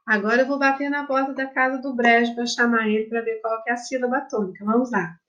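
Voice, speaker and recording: A woman's voice: fairly high pitch, fairly even intonation, fast talker, a bit bright, dull audio. A woman primary school teacher giving a remote lesson to children, affectionate, drawing out words and spelling them letter by letter, with a Brazilian Portuguese accent. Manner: affectionate, addresses pupils as "my loves".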